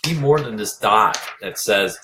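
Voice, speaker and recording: A man giving an earnest motivational talk as a leadership coach, urging listeners on, repeating his phrases and filling pauses with "you know". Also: on the low side, animated, background noise.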